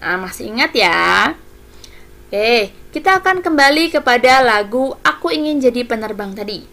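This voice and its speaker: Bright-voiced woman teaching children. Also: a little high, animated, normal speed. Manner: patient, explaining step by step to children. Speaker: primary school teacher. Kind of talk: online music lesson for children.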